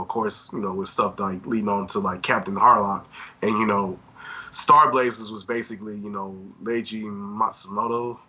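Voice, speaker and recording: A middle-aged man with a low, forceful, bright voice chats as a podcast co-host. He rambles casually through memories, self-deprecating and full of verbal asides. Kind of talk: casual chat, reminiscing.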